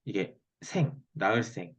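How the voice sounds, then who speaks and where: A man's voice: lowish voice, animated, measured pace. A man explaining a lesson as a teacher on a video call, often checking that the listener follows. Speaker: fortune-telling teacher giving a lesson. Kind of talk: explanatory one-on-one online lesson. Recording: dull lo-fi video call audio.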